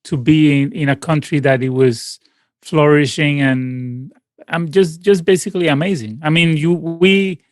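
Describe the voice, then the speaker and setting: Man from venezuela, late forties, spanish native speaker, rambling answers, slightly high voice, dry sound. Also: a little slow, dry recording. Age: 40s. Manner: rambling, many restarts and fillers, laughs often. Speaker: guest musician. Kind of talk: casual interview over a call.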